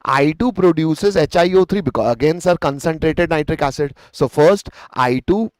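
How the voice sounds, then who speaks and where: A man's voice: a little high, animated, moderate pace, smooth, no room sound. Indian man teaching, dry close sound. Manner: explanatory, poses questions and answers them himself. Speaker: chemistry teacher. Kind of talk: live exam-revision lecture.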